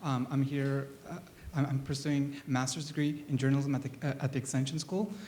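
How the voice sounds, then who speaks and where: A man's voice: mid-range voice, fairly even intonation, fairly quick, a little mellow. A young man from Afghanistan, a graduate student, asking a careful question from the audience with many ums. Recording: echoey hall with faint noise.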